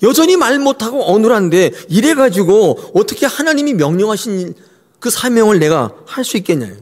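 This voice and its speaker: A man's voice: high-pitched, sing-song, moderate pace, big-room sound, voice pushed up. A man voicing a complaining, aggrieved man who protests sarcastically to his god. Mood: sarcastic protest.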